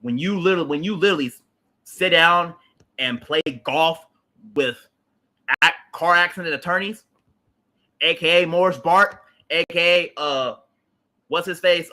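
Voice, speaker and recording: A livestream host in his late 30s, speaking in a slightly high, sharp voice at a measured pace with frequent pauses. He rants about politics heatedly and emphatically, repeating himself and swearing bluntly.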